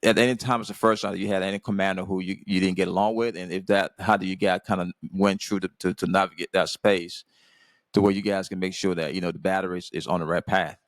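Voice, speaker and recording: A man's voice: low voice, fairly even intonation, no echo. A man hosting an interview podcast, asking long questions and tagging his points with "right?" and "you know.". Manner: quick talker, tags sentences with "right?" and "you know". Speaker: podcast host.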